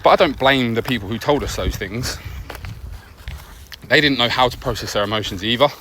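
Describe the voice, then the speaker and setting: A man hosting a podcast reflects earnestly on personal matters while walking his dog, talking in brief phrases with pauses between. His medium-pitched voice is bright and forceful, captured in a noisy outdoor recording filled with nature sounds.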